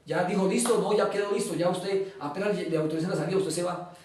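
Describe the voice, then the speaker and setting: A man gives an earnest personal testimony in an interview, acting out the dialogue he quotes and pausing on filler sounds. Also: high-pitched, a little mellow. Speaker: guest giving testimony. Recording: echoey room, mic at a distance.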